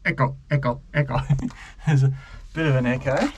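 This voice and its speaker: A man's voice: mid-range voice, fairly even intonation, moderate pace, slight background noise. An Australian man talking casually and curiously, a little out of breath, his voice echoing inside a small rock overhang in the bush. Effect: echo of a small rock shelter. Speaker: outdoor vlogger. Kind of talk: casual exploring commentary.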